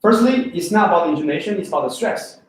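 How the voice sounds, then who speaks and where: Recorded at a distance in an echoey room, a fast-talking man with a high-sitting voice leads a classroom lecture for an English test class. He's from China with a Chinese accent and keeps things lively, often asking students questions and checking in on them.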